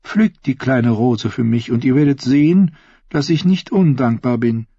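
Proud scheming queen, a male reader doing her voice, lifted pitch, husky and slow, dull dry recording. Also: mellow, no room sound. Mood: sly. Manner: cool, commanding, teasing.

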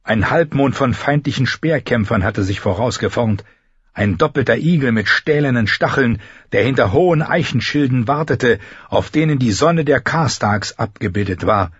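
A man reading a fantasy audiobook aloud in measured, dramatic narration. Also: medium pitch, lively intonation, breathy edge, dry recording. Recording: slightly dull lo-fi dry recording.

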